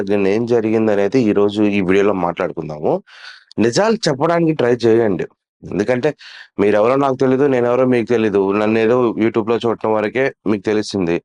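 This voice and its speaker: A man's voice: fairly low pitch, a little mellow. A man hosting his own online channel, talking casually and earnestly to viewers, scolding and repeating phrases for emphasis, with a Telugu accent. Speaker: YouTube channel host. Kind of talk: casual talk to camera.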